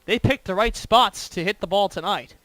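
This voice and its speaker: A man's voice: sits high, normal speed, pushed and bright, no echo. A man giving live sports commentary as a baseball color commentator and scoreboard reporter.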